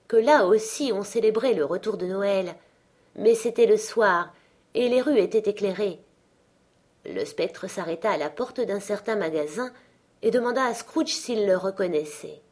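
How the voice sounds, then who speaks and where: Female audiobook narrator, husky, steady storytelling. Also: medium pitch, normal speed. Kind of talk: audiobook reading of a classic tale.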